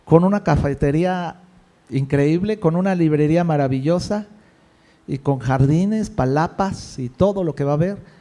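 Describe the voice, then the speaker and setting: A male pastor preaching a sermon in a lively, conversational way, with jokes and rhetorical questions. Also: a little high, moderate pace.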